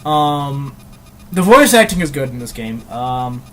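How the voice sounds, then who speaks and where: A man's voice: mid-range voice, big pitch swings, a little slow. A man reviewing a video game in casual chat, rambling with many hesitations and casual swearing.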